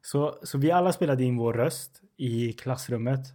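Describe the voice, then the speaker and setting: A man in his twenties with a suburban Stockholm accent, co-hosting a casual podcast and telling stories about himself. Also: medium pitch. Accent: Stockholm suburban Swedish. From Sweden, near Stockholm. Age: 20s. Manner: animated, self-mocking storyteller. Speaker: podcast co-host. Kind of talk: casual chat.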